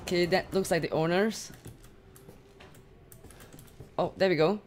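With a low, unhurried voice and a slight hiss or hum in the audio, a young woman with a Singaporean accent streams a horror game and talks with her chat. Scares make her swear and shriek; she's in a small bedroom using a studio mic on an arm and headphones.

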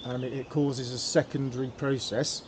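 A man's voice: medium pitch, level tone, moderate pace, darkish tone, a little hiss or hum. A man hosting a casual how-to demonstration, talking hesitantly with many fillers and repeated words. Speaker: pipe tobacco hobbyist, channel host.

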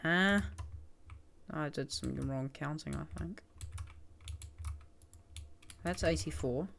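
A New Zealand-accented voice with a gravelly edge mutters and counts through a building tutorial, often correcting itself. A faint hiss sits under it, with keyboard typing and mouse clicks behind. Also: medium pitch, takes it slowly, a bit bright. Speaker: Minecraft builder giving a tutorial. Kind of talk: casual think-aloud commentary while building.

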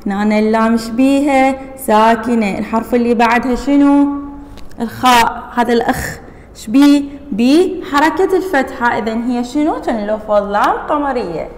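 A woman teacher with an Iraqi Arabic accent, reading a lesson slowly to young pupils and quizzing them on grammar. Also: on the high side, long reverb tail. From Iraq. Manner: slow deliberate reading, stretching words, quizzing pupils. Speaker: primary school teacher.

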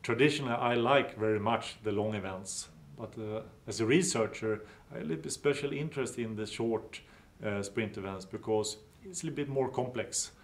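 Researcher guy, lowish voice, lots of uhs. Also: brisk, hardly any pauses. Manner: hesitant, many fillers. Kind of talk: interview.

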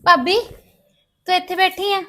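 An actress playing a young sister-in-law who pleads and defends herself. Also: female voice, extremely high pitch, steady tone, normal speed, sharp tone. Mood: pleading.

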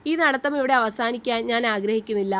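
A woman's voice: on the high side, fairly quick, lightly acted. A woman voicing an earnest young man in love, speaking in a heartfelt, pleading way.

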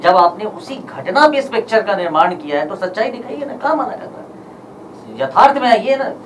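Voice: mid-range voice, sing-song, normal speed. A speaker at a press conference, firing rhetorical, accusing questions at filmmakers. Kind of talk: impassioned press statement. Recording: distant mic with faint background noise.

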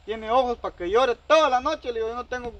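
A man's voice: very high voice, fast, muffled recording, a crowd in the background. Rambling man telling a story. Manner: rambling, heavy use of quoted dialogue. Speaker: storyteller recounting a personal dispute. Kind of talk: casual storytelling.

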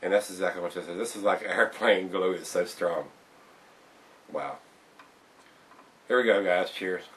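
Speaking in a deep, unhurried voice with a fairly bright tone, this middle-aged beer reviewer chats folksily with viewers he addresses as guys. The show is filmed at home in a room with glass shelves, and a tripod-mounted camera across the table makes his voice sound distant.

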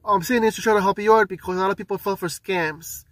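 Guy warning viewers on cam, high voice, repeats himself, far from mic. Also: steady tone, fast talker, a bit bright. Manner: emphatic, repetitive. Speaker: prank video host. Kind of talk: direct-to-camera warning. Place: small room and parked car interior. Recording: roomy, distant from the mic.

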